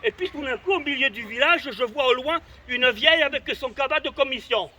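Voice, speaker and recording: High bright-voiced guy telling a funny story, theatrical and animated, shouts stuff out. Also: fairly quick. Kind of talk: comic storytelling performance.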